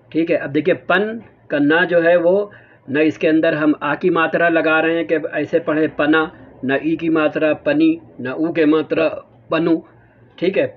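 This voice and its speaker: A man teaching an Urdu reading lesson, patiently repeating and spelling out letter sounds step by step. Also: a little high. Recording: tinny phone-like audio.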